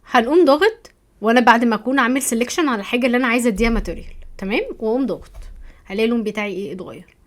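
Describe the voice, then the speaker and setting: An Egyptian woman teaching a software course over a screen recording, chatty, often checking in with her viewers. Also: a little high, very fast. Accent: Egyptian Arabic. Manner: chatty, keeps asking "تمام؟", thinks aloud while clicking.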